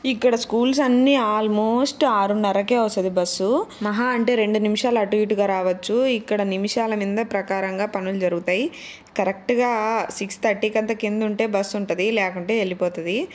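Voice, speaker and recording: A woman in her thirties from Andhra Pradesh, India, a vlogger and mother with a Rayalaseema Telugu accent, narrates her household's day for viewers in a homely, easygoing manner. Her pitch is an ordinary middle one and she talks at normal speed, like a relaxed, chatty vlog voice-over.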